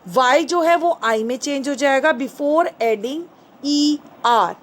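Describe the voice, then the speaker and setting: A woman's voice: high-pitched, slow. A woman teacher with an Indian English accent explaining grammar to children, mixing Hindi and English, patiently asking questions and answering them herself. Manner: calls listeners "children", mixes Hindi and English. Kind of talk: bilingual grammar lesson. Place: indoors, screen recording.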